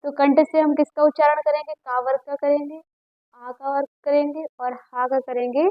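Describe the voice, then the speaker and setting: A woman's voice: sits high, flat delivery, normal speed, no room sound, muffled recording. A woman teacher giving a lesson, patiently repeating sounds aloud for students to copy. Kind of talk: classroom lesson on Hindi phonetics.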